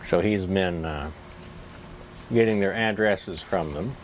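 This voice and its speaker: A man's voice: low voice, slow pace, slight background noise. A man chatting casually to camera in a folksy, rambling, self-deprecating way, as if with a pipe in his mouth. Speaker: pipe-smoking YouTube vlogger.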